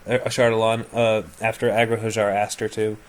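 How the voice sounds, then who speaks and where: A man's voice: on the low side, little pitch movement, moderate pace. A man acting as game master of a tabletop game over a call, explaining lore with many fillers.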